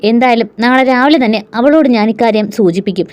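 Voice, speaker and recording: A woman's voice: fairly high pitch, fairly quick, darkish tone, muffled recording, close to an everyday voice. A woman storyteller voicing a worried older father who speaks earnestly and resolutely.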